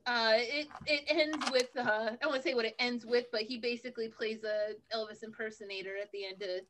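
Bright-voiced chatty woman. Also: on the high side, fairly even intonation, fairly quick, slight background noise. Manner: chatty, opinionated asides. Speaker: podcast co-host. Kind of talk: casual chat.

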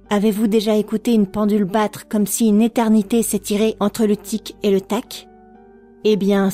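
A woman narrating a fantasy audiobook at a middle pitch, with even, expressive storytelling. Soft music plays quietly underneath her reading.

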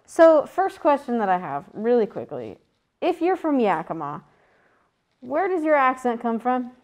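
A woman's voice: on the high side, very animated, a little slow, a little mellow. A young woman hosting a comedy talk show, casual and wry, laughing easily. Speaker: host.

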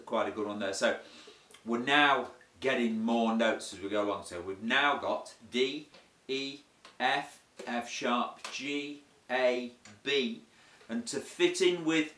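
Casual male sax tutor, mid-pitched voice, friendly walkthrough, recorded in an echoey room a bit off-mic. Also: fairly bright tone. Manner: chatty, self-deprecating, explains step by step. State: has the hiccups. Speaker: saxophone teacher. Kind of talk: casual music lesson. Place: room with a board. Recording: roomy echo, heard from a distance.

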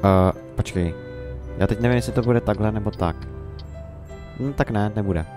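A man's voice: on the low side, music in the background. A young Czech man rambling and musing to himself in casual gameplay commentary. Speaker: let's play commentator.

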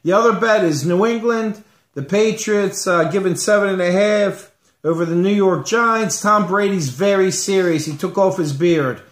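A middle-aged man hosting a homemade sports picks show in a casual, informal chatting style, with pauses between phrases. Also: high-pitched. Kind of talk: casual comedic show chat. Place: living room at home. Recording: roomy home webcam sound.

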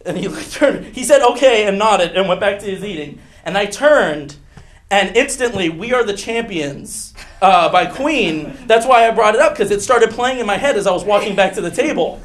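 A young man with a high-pitched voice delivers a comic true-story monologue. He rambles, backtracks and pokes fun at himself. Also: expressive, moderate pace. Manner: rambling, self-mocking storytelling. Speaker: improv performer.

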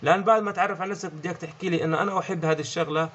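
Male teacher with a Levantine Arabic accent, slightly high voice, patient explainer, dull muffled recording. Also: fairly even intonation, rapid-fire, fairly bright tone. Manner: explanatory, checks in with "okay?" often, repeats key words. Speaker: French teacher. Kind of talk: online language lesson.

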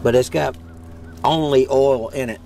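A man hosting a casual outdoor video, folksy and excitable, laughing often as he talks. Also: medium pitch, measured pace, gravelly, a little hiss or hum. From Florida. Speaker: host. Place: outdoors in woods.

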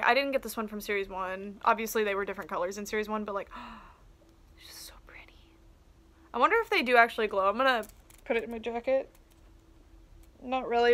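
With a slightly high voice, a twentysomething toy-collecting vlogger excitedly talks her way through an unboxing, peppering her speech with "um" and "like." She's filmed close up by a camera on her desk in a small room lined with doll shelves, amid loud plastic crinkling and clicks.

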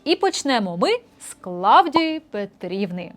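A woman's voice: mid-range voice, very animated, unhurried, soft background music. A young woman vocal coach in a casual lesson, explaining voice technique and breaking into short sung demonstrations. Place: indoor room with a street musician outside.

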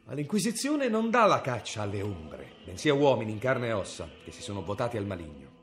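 This brisk, slightly bright male voice, pitched on the low side, swings hugely in pitch as it plays a harsh, icy medieval inquisitor for radio drama. The delivery is formal, commanding and severe, with soft music underneath.

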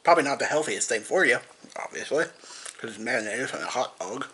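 A young man chats loosely through a food-tasting vlog, talking between bites with his mouth full and circling back to the same points. His voice is bright and forward, at an ordinary pitch. A faint hum sits under the recording. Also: lively intonation, fairly quick. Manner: rambling, repetitive, eats and talks with mouth full. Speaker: vlogger.

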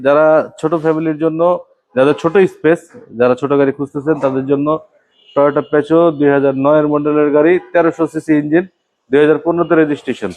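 A Bangladeshi man giving a slick used car sales pitch, repeating selling points and prices. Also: level tone, fast talker, a little mellow, poor audio.

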